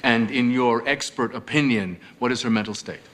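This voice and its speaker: An actor playing a hesitant, wry defense lawyer who questions haltingly in a TV courtroom drama. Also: male voice, mid-range voice, fairly bright tone, natural voice. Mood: tentative, wry. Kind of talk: television courtroom drama acting.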